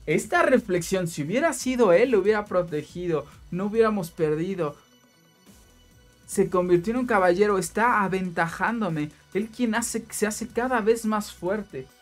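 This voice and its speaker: A woman's voice: mid-range voice, lively intonation, normal speed, soft background music, close to an everyday voice. A woman reading aloud the lines of a young male knight brooding over a defeat, in an earnest tone. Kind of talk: reading manga dialogue aloud.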